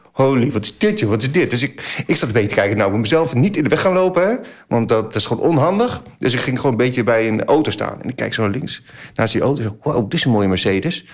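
Animated man in his forties telling a story. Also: mid-range voice. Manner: animated, acts out remembered exclamations, many filler sounds. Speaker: podcast guest. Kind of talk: casual storytelling.

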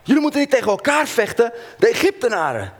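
A man's voice: extremely high pitch, huge pitch swings, fast talker, voice pushed up, full character voice. A man playing Moses in a sermon, first pleading with two quarreling men, then brushing off a task in a breezy way. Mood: urging. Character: young adult male Moses, urgent peacemaker.

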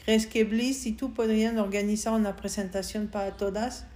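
A woman reading the part of a calm, resigned young woman in an audiobook, speaking softly and quietly. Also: medium pitch, moderate pace, lightly acted. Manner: soft, quiet delivery.

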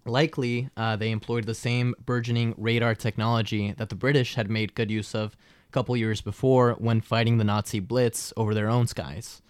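A smooth, fairly deep American man tells stories as a podcast host. He is wordy and drifts into casual asides, with a dry, close sound. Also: little pitch movement, normal speed, dry recording.

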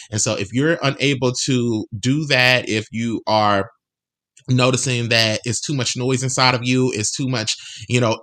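Man, bright voice, mid pitch, solo podcast host, earnest and encouraging, repeats for emphasis. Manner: earnest, encouraging, repeats phrases for emphasis, stretches words slowly. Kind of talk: motivational solo podcast talk.

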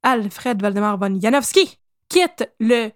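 A woman with a Québécois accent hosting a podcast, telling a history story in a casual, animated, joking way. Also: fairly high pitch, slow, no room sound, clean studio sound. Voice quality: animated, jokey, laughs often.

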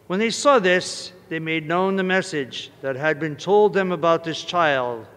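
A man's voice: on the high side, a bit bright. A man, a priest, proclaiming a gospel reading in a formal way, with a long cathedral echo around his voice. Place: large church.

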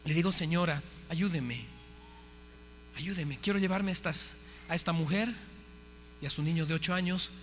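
A man, a pastor, telling a story in a sermon with lively acted-out dialogue. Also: fairly high pitch, moderate pace, long pauses. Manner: animated storytelling, acting out dialogue. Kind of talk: sermon testimony. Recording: hall reverb, faint hum.

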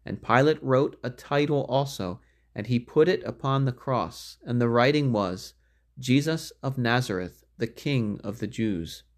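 Guy reading old bible verses slow and steady, solemn, mid voice. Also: mid-range voice. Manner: measured, solemn phrasing of archaic verse. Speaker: Bible reader. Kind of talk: scripture reading.

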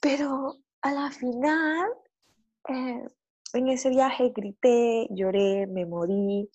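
A woman with a husky, slightly breathy voice pitched a little high. She tells a personal story in casual conversation, animated and expressive, breaking into sudden cries and laughs. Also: drawn-out words, muffled recording.

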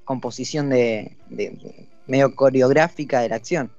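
A man's voice: mid-range voice, moderate pace, darkish tone, no echo. A man with an Argentine accent hosting a casual podcast chat, joking and dropping lots of filler sounds. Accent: Argentine Spanish. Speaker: podcast host. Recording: dull lo-fi dry audio, faint music.

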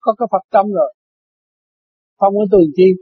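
Husky older teacher. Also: male voice, sits high, quick pace, phone-quality sound. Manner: chatty storytelling, laughing often. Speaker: spiritual teacher. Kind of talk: dharma talk.

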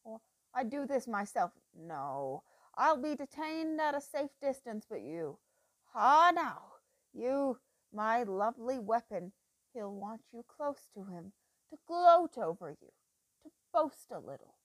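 A feverish, obsessive old doctor, as a woman reads him, speaking low and slow with a dry, close sound. His intense murmur breaks without warning into loud, heated bursts. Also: very animated, no echo. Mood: menacing, obsessive.

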